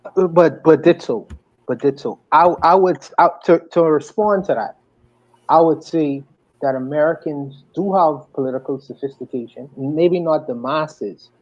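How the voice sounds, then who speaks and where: A man speaking on a discussion panel. His voice is mellow and a little high, and he often stumbles and repeats himself. The sound is dull and lo-fi. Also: measured pace.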